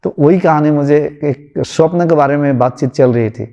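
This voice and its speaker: A man's voice: fairly high pitch, normal speed, creaky, dark tone, highs cut off. A man, a spiritual teacher, giving a conversational storytelling talk and acting out the voices of the people in his story.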